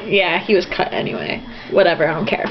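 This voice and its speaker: Here a woman with a lowish voice reads fast from a novel, mocking it and giggling, fumbling lines and tossing in casual comments. Crowd noise can be heard, and the home recording sounds dull, lo-fi and somewhat noisy.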